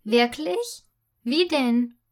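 A woman's voice: high-pitched, lively intonation, very slow, fairly bright tone, exaggerated voice. A woman voicing a shy young maid girl who stammers when unsure, in a storybook. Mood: shy delight.

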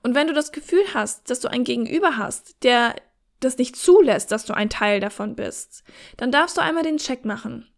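A woman's voice: a little high, expressive, normal speed, creaky. A woman giving frank, encouraging relationship and sex advice, speaking straight to the listener and dropping in English phrases. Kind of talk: casual direct advice talk to listener.

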